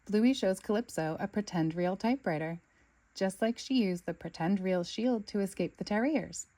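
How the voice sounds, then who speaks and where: A woman reading a children's storybook aloud with expressive narration. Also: medium pitch, normal speed. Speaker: storybook reader.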